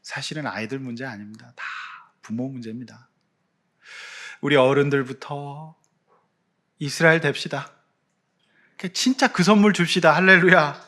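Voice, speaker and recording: A man preaching a Sunday sermon as pastor, animated, with sudden loud swells. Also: on the high side, moderate pace, long pauses.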